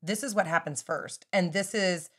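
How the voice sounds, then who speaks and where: A woman's voice: lowish voice, normal speed. A middle-aged woman co-hosting a podcast, a mother chatting casually in a rambling way with many fillers. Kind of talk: casual chat.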